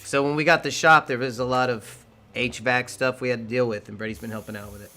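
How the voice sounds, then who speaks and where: A man's voice: medium pitch, steady tone, fast talker, pushed and bright. A man from Oklahoma with an Okie accent, chatting casually and jokingly as a self-deprecating live stream host. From Oklahoma, United States. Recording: faint hiss behind the voice.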